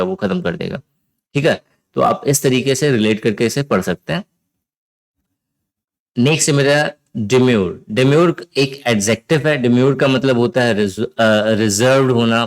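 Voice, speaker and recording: A man with an Indian accent teaching vocabulary with memory tricks, in a casual, chatty way that often checks the listener follows. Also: medium pitch. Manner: casual, chatty explaining with frequent "theek hai?" checks.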